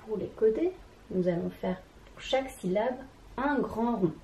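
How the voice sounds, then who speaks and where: In this children's reading lesson, a woman with a fairly high, expressive, warm and mellow voice talks straight to the child, pronouncing each syllable slowly and carefully at a very unhurried pace. There's a noticeable echo and a bit of background noise.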